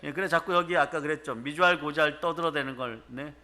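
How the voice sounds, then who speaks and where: Bright, forceful preaching man. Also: fairly high pitch, fast talker. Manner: emphatic preaching, calling out questions to the congregation. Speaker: pastor. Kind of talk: sermon. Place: church or prayer retreat hall.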